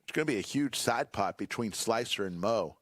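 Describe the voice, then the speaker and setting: A man's voice: on the low side, expressive, fairly quick, dry recording. A man giving live play-by-play commentary on a poker game, steadily announcing bets and cards.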